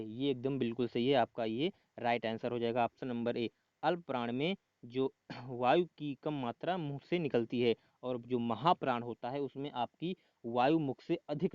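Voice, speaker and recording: A man tutoring for a competitive exam, walking through quiz answers, often repeating the answer and saying "okay" between points, with the odd throat-clear. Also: medium pitch, darkish tone, no echo, lo-fi sound.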